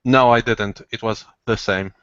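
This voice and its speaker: A man from Poland, a native Polish speaker, quietly introducing himself in an online class. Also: on the low side, steady tone, unhurried, clean tone, no echo. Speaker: student. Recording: dry dull call audio.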